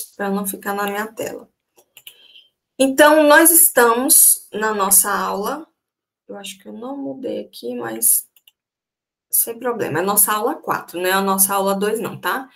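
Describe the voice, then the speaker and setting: A woman's voice: mid-range voice, normal speed, gravelly. A middle-aged woman teacher giving an online lecture to her students, speaking conversationally and often checking in with them, recorded on a computer microphone.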